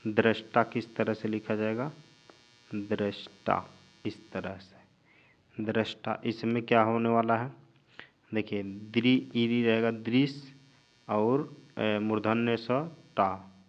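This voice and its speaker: Slow-spoken man teaching spelling, low voice. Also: fairly even intonation. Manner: slow, drawn-out spelling of words, asks and answers his own questions. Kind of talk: spelling lesson while writing on a board. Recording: dull lo-fi recording with mains hum.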